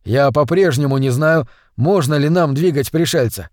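A man's voice: a little high, a little mellow, no echo, clean studio sound, lightly acted. A man reading a thoughtful male scientist. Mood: explaining. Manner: measured explaining.

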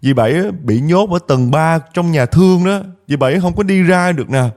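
Man doing a crying old woman's ghost, high and trembling, pleading, from a spoken ghost story. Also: a little fast, a little mellow, soft background music, lightly acted. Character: spirit of a tormented old woman, wailing, begging.

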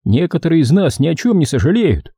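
A calm young doctor in an audiobook, soft and earnest, as a male narrator puts him on with his voice lifted well above his own. The tone stays husky and dark, with a dry, close sound. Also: a little high, a little fast, no room sound, voice pushed up, heavily acted. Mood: reassuring.

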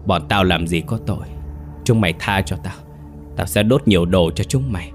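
A man's voice: sits low, normal speed, soft background music, natural voice. A man playing a groveling cowardly son. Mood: begging. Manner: groveling, pleading. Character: cowardly young son begging ghosts.

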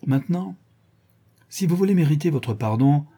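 Narrator doing a commanding old count, dark and husky voice, storybook reading. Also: male voice, a little high, expressive, moderate pace, voice pushed up. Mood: authoritative. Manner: dry, commanding, sly. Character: stern but kindly aging count, governor. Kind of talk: audiobook reading.

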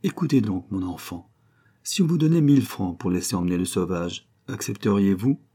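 Male reader as a cunning young dandy, cool and commanding, husky dark low voice. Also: animated, a little fast.

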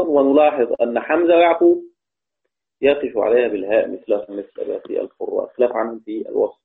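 A man with an Egyptian accent gives a patient recitation lesson in a mid-pitched voice. He repeats each key word and checks his listeners with quick questions. The recording sounds thin and phone-like. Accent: Egyptian Arabic. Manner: repeats key words, asks students questions. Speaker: Quran recitation teacher. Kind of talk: explanatory lesson. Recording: tinny phone-like audio.

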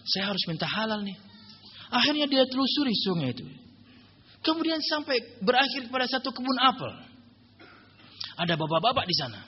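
Animated, high-pitched joking male preacher. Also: a little fast, long pauses, breathy edge, lo-fi sound. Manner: jokey, animated storyteller. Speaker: Islamic preacher. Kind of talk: humorous religious study lecture.

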